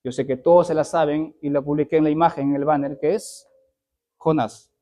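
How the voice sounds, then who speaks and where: A man preaching a sermon, reading scripture aloud with loud emphatic rises and asking the congregation questions. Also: a little high, steady tone, a little fast. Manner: preaches with rising loud emphasis, frequent throat clearing.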